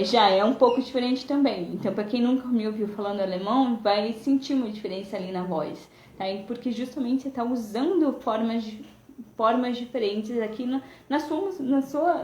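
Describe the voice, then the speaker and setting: This live-streamed English lesson comes from a chatty woman with a Brazilian Portuguese accent who constantly adds "né?" and "tá?" as she explains. Her voice is on the high side and darkish, captured by a phone or webcam in a roomy-sounding space.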